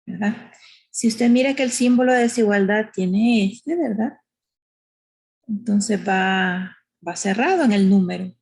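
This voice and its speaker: A woman's voice: mid-range voice, measured pace, vocal fry, darkish tone, husky. A woman teaching a math lesson, explaining step by step in a patient way and often checking with "¿verdad?". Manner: patient, explanatory, uses diminutives, asks "¿verdad?".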